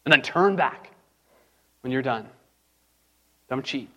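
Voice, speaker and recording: A man teaching a church class at a medium pitch. He talks in a loose, conversational way, with filler words and asides to his listeners. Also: animated, takes it slowly, a bit bright, lo-fi sound. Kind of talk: casual sermon-style teaching.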